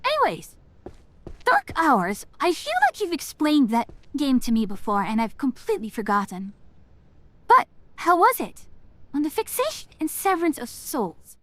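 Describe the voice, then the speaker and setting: A woman streams a game in a high-pitched, cute anime-streamer voice. Her intonation swings widely as she chats casually to viewers in her witch persona. The sound is dry, with no room on it. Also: big pitch swings, normal speed, few pauses, no room sound. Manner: reads titles aloud and murmurs reactions to them. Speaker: streamer hosting a game livestream. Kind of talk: casual livestream chat while playing.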